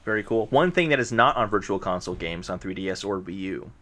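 A man co-hosting a casual podcast, explaining things in a relaxed way. His voice has a bright, forward edge. He keeps it loose and uses small fillers as he goes. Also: deep voice, fast talker. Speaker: podcast co-host. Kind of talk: casual chat.

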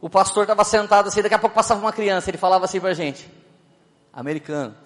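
A man's voice: high-pitched, fairly even intonation, rapid-fire, a bit bright. A man with a Brazilian Portuguese accent preaching a humorous sermon as a pastor, chatty and joking, often acting out little scenes as he tells stories. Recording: hall reverb, faint background music.

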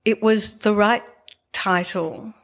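A woman's voice: medium pitch, slow, fairly bright tone. A woman with slushy, sh-like s sounds, speaking as a novelist in a conversational, reflective and digressive talk to an audience about her book.

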